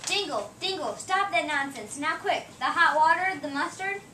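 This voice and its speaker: A scolding, motherly Mrs. Claus, as a woman reads her, fussing nonstop. The high voice is heard from afar in a roomy space with noise behind it. It is an amateur play reading. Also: expressive, moderate pace. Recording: echoey room, distant mic, noise.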